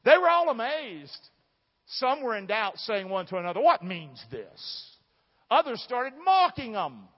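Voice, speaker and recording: Unhurried and slightly rough, a very high-pitched male voice with big pitch swings delivers a sermon. The preacher, from the southern United States with a Southern American accent, is emphatic and folksy and asks the congregation questions. It is recorded in a large church room with dull, reverberant hall sound.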